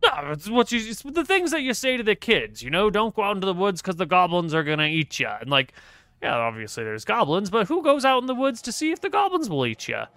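A man's voice: high voice, wildly swooping pitch, a little fast, sharp tone, dry recording, voice pushed up, full character voice. A man playing a gossipy trader who sneers at dwarves. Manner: folksy, gossipy, scornful rambling. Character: chatty male trader who scorns dwarves.

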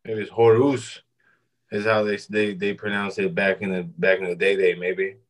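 A man's voice: sits low, level tone, normal speed, rough recording. A man hosting a casual chat over a video call, swearing freely and laughing often. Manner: profane, laughing, rambling.

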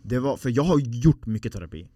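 A man's voice: medium pitch, lively intonation, dark tone, no echo, studio quality. A man, a podcast guest telling a personal story in a heartfelt, rambling way with many fillers.

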